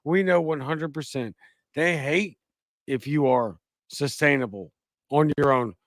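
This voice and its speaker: A man's voice: fairly high pitch, measured pace, no room sound. A man hosting a political talk show, delivering emphatic, ranting commentary into a close mic. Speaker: podcast host.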